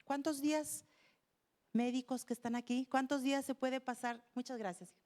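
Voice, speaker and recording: Woman preacher, high voice, conversational sermon, talks with the congregation. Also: steady tone, moderate pace, darkish tone. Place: church.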